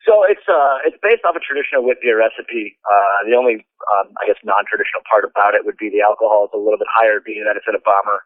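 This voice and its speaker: A man, a brewer guest, talking in a relaxed, easygoing way with many fillers, heard over speakerphone. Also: on the low side, quick pace, few pauses, no echo. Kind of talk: casual interview chat. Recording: dull speakerphone line.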